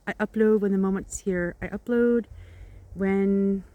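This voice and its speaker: A woman's voice: mid-range voice, fairly even intonation, a little slow, dry recording, narrow, tinny audio. Casting: middle-aged woman vlogger, mid-range voice, chatty and rambling, talking informally outdoors. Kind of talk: casual chat to viewers. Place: outdoors in the countryside.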